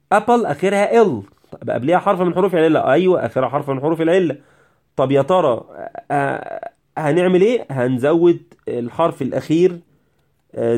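A man's voice: on the high side, darkish tone. A man with an Egyptian Arabic accent giving a recorded English spelling lesson, often checking "right?" with his students and urging them to focus. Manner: repetitive, checks understanding with "right?"; prays for and urges students. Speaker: English teacher.

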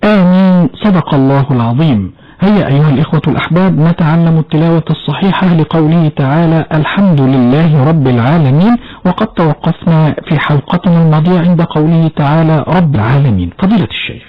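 A man hosting a radio recitation lesson, introducing segments and putting brisk questions to the sheikh. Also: fairly high pitch. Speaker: radio program host. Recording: dull lo-fi radio recording.

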